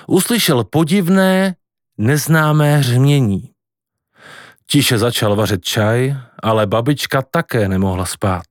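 A man narrating a novel in a measured, scripted audiobook style. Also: mid-range voice, no echo, clean studio sound.

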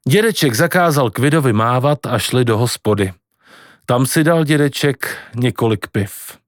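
Guy reading an audiobook, even storytelling voice, dry close sound. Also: mid-range voice, dry recording. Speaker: narrator. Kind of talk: scripted audiobook narration.

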